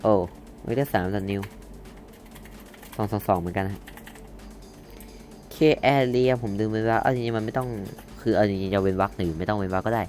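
Soft music backs a young man's somewhat low, darkish voice as he leads a relaxed coding lesson at a moderate pace with long pauses. He reasons out loud while typing, voices the code one word at a time, and keeps correcting himself.

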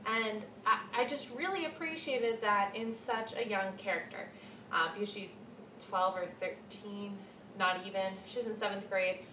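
Speaking at a measured pace in a mid-range voice, a female book vlogger in her twenties chats casually to her camera about books, gushing and repeating words for emphasis. The setting is a small cluttered room at home, captured by a camera mic a short distance off, with an echoey sound and faint hiss.

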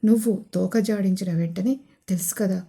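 A woman's voice: mid-range voice, moderate pace, mellow, husky. A woman reading the lines of a menacing male caller who mocks and threatens over the phone. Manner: threatening, mocking.

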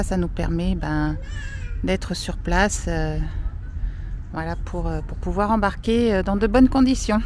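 A woman's voice: medium pitch, a little mellow, a little hiss or hum. A middle-aged woman vlogging casually outdoors beside a camper truck, talking with many hesitations into a handheld camera. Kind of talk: casual travel vlog narration.

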